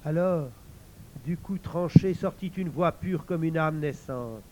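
A man narrating a fairy tale in a slow, measured way. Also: fairly high pitch, a little mellow. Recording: slightly muffled recording.

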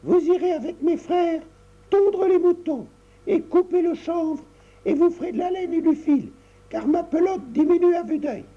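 A man's voice: very animated, normal speed. A man voicing a serious, impatient little girl who knits, in a storybook reading. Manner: shrill and bossy. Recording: dull lo-fi recording.

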